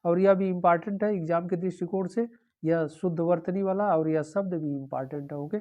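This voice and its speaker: A woman's voice: lowish voice, fairly quick, mellow. A woman teaching an exam-prep lesson, going through the answer options one by one and repeating them, with a frequent "okay".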